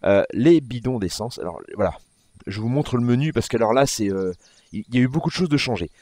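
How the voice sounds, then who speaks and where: A man's voice: mid-range voice, expressive, a little fast, a little mellow, dry recording. A man hosting his gaming channel, talking casually through a game update and often correcting himself as he clicks through menus. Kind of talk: casual gameplay walkthrough commentary.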